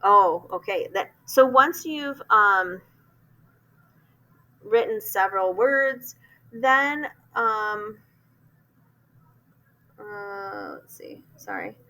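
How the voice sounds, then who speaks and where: A woman's voice: medium pitch, very animated, very slow, pauses often, bright, forceful tone, low-quality recording. A woman teacher explaining a classroom phonics activity step by step, with frequent ums and restarts. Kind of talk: instructional explanation.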